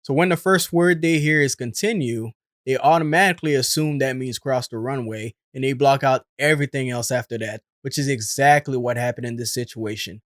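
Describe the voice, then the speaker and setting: A man's voice: medium pitch, fairly quick, fairly bright tone, no echo, studio quality. A man hosting and giving explanatory voice-over commentary. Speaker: host and commentator.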